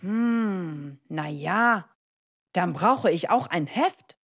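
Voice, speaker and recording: A woman's voice: on the low side, expressive, very slow, fairly bright tone, heavily acted. A woman voicing an eager little boy about to start school, in a storybook reading. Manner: eager, chatty.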